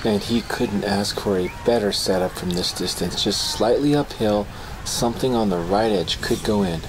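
An actor as a male golf commentator in a video game, quietly analysing the shot. His voice is fairly low, with clear outdoor ambience behind it. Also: moderate pace, noisy background, natural voice. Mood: analytical.

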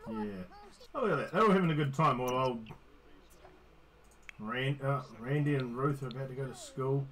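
A man's voice: mid-range voice, normal speed, a bit bright, rough recording. A man giving casual gameplay commentary, teasing and swearing at the characters he controls. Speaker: gaming streamer.

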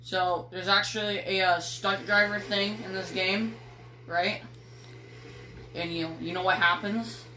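A teenage girl casually commentating a driving game she films with her phone in a dark room at home, rambling and teasing with casual swearing. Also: mid-range voice, steady tone, measured pace. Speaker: gaming video creator. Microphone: phone filming a screen. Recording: echoey room with faint noise.

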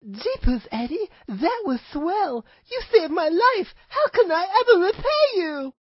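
A man voicing an excitable, gushing male cartoon rabbit. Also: very high-pitched, a little slow, no echo, muffled recording, exaggerated voice. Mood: grateful, gushing.

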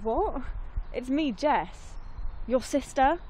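An anxious actress as a young woman confides to her handheld camera in a found-footage film. Her voice sits fairly high and she speaks emphatically, worried and determined. There is faint noise around her. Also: lively intonation, takes it slowly, darkish tone. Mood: urgent, pleading. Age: 20s. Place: small room, then outdoors in bare woodland. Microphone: handheld camera at arm's length.

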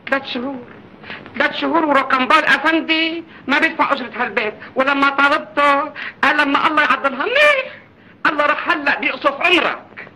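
An actor playing a middle-aged, aggrieved landlord with a Levantine accent, scolding and rambling indignantly in an old film comedy. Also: male voice, very high-pitched, expressive, fast talker, bright, forceful tone, exaggerated voice. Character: blustering, stout, aggrieved landlord, comically long-winded. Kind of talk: 1940s film comedy acting. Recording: noisy old film soundtrack.

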